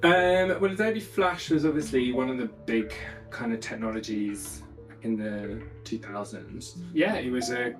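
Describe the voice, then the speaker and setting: A man from London, a game studio creative director, explaining things in a measured way in an interview. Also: mid-range voice, poor audio. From London, England. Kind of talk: expert interview. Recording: clear background music.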